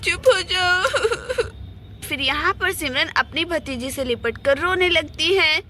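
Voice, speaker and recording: Woman narrator for a doll play, high pitched and bright, plain storytelling. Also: normal speed, slight background noise.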